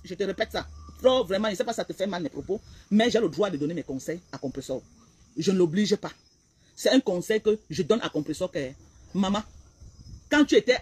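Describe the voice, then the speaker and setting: A woman's voice: mid-range voice, breathy edge, rough recording. A woman blogger, delivering a heated, repetitive, confrontational rant on a live stream.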